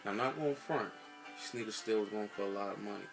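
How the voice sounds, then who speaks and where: A man's voice: fairly low pitch, fast, gravelly. Blunt American man ranting, music behind. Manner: blunt, heavy swearing, emphatic repetition. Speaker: sneaker vlogger. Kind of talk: casual rant to camera.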